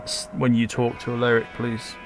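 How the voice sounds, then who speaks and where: A man's voice: medium pitch, completely flat delivery, normal speed. A man running a tabletop game as game master, narrating in a hesitant way as if thinking aloud. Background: music.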